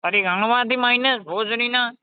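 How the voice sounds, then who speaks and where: In a scripted comedy phone call, a man plays an exasperated garage mechanic who scolds impatiently and swears constantly. His voice is extremely high, clear and resonant at normal speed, with no room sound, though the call audio is dull and lo-fi.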